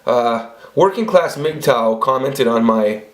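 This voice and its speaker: The pace is slow and the mid-range voice expressive as this man in his forties, a vlogger, tells rambling, vulgar stories. He curses often and keeps backing up to restart his sentences in the casual monologue.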